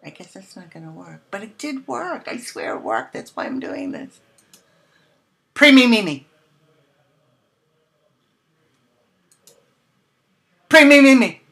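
A woman's voice: on the low side, wildly swooping pitch, normal speed, gravelly. A woman vlogger in a playful solo recording, giggling and repeating a phrase in different silly voices.

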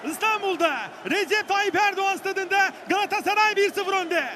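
A man's voice: very high voice, steady tone, normal speed, background noise. A man commentating live on a football match, screaming goal calls and stretching out players' names. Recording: loud music and crowd over broadcast commentary.

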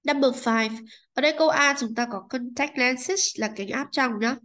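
A woman teaching an English textbook lesson, with a slightly high voice. She speaks politely and keeps checking that her students follow with little tag questions. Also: normal speed, fairly bright tone, rough recording.

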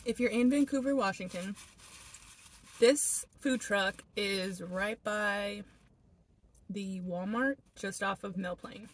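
A woman's voice: medium pitch, slow pace, breathy edge. A young woman giving a casual food review in a parked car, talking while chewing with her mouth full. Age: young adult. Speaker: food vlogger. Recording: noticeable background noise in car.

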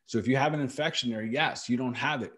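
This middle-aged man, a natural medicine practitioner running a podcast, talks about herbal remedies at a quick pace in a medium-pitched, fairly bright voice. His style is relaxed but forceful, with key words repeated for emphasis.

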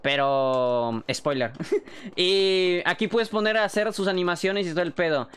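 Young Mexican male streamer, rapid casual chat, swears a lot, slightly high voice. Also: slight background noise. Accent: Mexican Spanish. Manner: fast, excitable, swears freely.

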